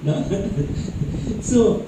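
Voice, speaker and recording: A pastor with a high, expressive voice draws out his words while preaching a sermon, speaking conversationally and putting questions to the congregation. The recording sounds like an echoey hall, with a distant mic and faint noise.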